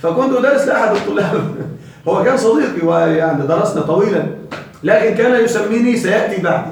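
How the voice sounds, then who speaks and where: Male grammar teacher, thirties, high voice, keeps quizzing the class, recorded from a distance in a very echoey room. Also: lively intonation, quick pace. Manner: quizzing students, repeating terms with rising questions.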